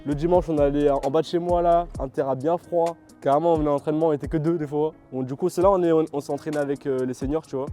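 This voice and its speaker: A man's voice: fairly high pitch, fairly even intonation, fast, hardly any pauses, mellow, soft background music. A man talking casually in an interview, with slangy, loose speech, about training with a teammate.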